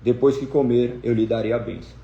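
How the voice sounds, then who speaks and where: A man voicing an aged, tender father who speaks low, soft and solemn. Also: fairly even intonation, brisk, muffled recording, lightly acted. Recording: echoey room.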